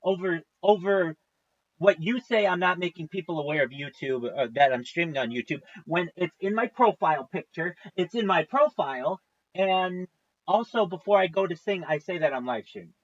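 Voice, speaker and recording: A man's voice: high-pitched, expressive, normal speed, husky, dull audio. A man in his thirties, a livestreamer, tells a long story in a casual, profane, exasperated way. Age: 30s.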